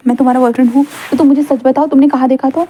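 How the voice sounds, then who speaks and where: A woman voicing a calm young man who answers in short, firm sentences. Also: sits high, racing, husky.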